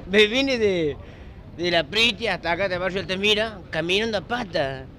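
A man with a Córdoba Argentine accent telling a story with animated energy, shouting the lines he quotes. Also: high voice, moderate pace.

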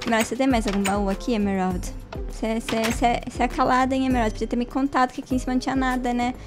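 A young Brazilian woman chatting playfully through a Minecraft let's play, talking to viewers and game characters with sudden high squeals. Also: flat delivery, quick pace, over music. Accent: Brazilian Portuguese. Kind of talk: casual gameplay commentary.

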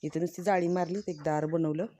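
A woman's voice: fairly low pitch, steady tone, brisk, mellow. A woman chatting to her viewers in a farm vlog, showing her animals outdoors. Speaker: village vlogger. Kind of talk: casual farm vlog narration. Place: outdoors on a farm with goats and chickens.

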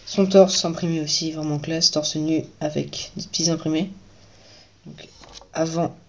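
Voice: medium pitch, steady tone, measured pace, darkish tone, highs cut off. A toy reviewer giving casual commentary while building a set at home at night, chatty and repeating the same praise.

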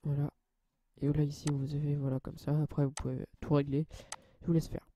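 A young man hosting a casual software tutorial, hesitant and full of fillers and restarts, addressing viewers as guys. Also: on the high side, little pitch movement, fairly quick, a little hiss or hum. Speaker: channel host.

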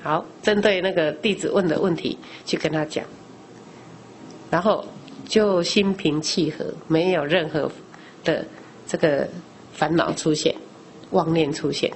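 Lady teaching a buddhist class, lowish voice, keeps asking and answering her own questions, faint hum behind. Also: fairly even intonation, a little slow, long pauses. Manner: explains by asking rhetorical questions and answering them; frequent discourse particles, conversational teaching. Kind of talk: Dharma class lecture.

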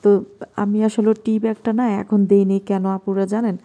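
A woman from Bangladesh with a Bangladeshi accent, narrating a home cooking vlog in a soft, quiet voice at night in her kitchen. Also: medium pitch, flat delivery, a little fast. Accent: Bangladeshi Bengali. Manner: talking softly and quietly at night.

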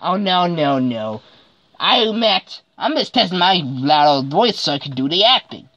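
A woman's voice: fairly low pitch, very animated, measured pace, fairly bright tone, dry recording. A woman voicing a nosy, bratty kid who blurts out questions in a homemade toy skit. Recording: dull lo-fi recording.

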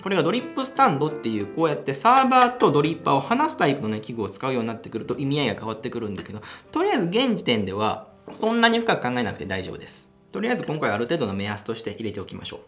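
Rapid-fire and a bit bright, with big pitch swings around a medium level and hardly any pauses, a young coffee-channel host walks viewers through brewing. He's eager and talkative, laughing while he explains from his small home café room over background music.

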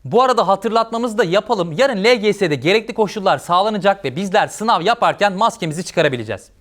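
Brisk high-voiced male news anchor. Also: lively intonation, a bit bright. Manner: brisk, upbeat, encouraging. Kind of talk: scripted news presenting.

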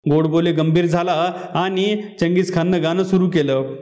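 A man's voice: a little high, fairly even intonation, moderate pace, warm tone. A man narrating a short story, reading steadily and expressively.

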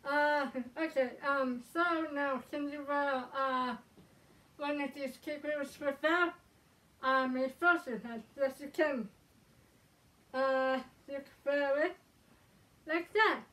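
Slow and sharp-toned, a woman's high voice comes from some distance, muffled by the balaclava she's wearing. She's demonstrating how to put on a fursuit, speaking casually and haltingly with many ums and uhs.

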